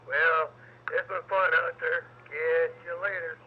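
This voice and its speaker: High-voiced man through loud static. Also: fairly even intonation, measured pace. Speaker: radio operator calling in. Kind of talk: casual radio chat. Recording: loud static over a muffled radio link.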